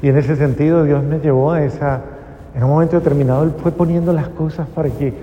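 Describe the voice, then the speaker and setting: Middle-aged male priest, testimony sermon, slightly high, mellow voice, big echoing hall. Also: steady tone, fast, highs cut off, a little hiss or hum. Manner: emotional, rising to pleading cries then dropping to near-whispers. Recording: reverberant hall with faint ambience.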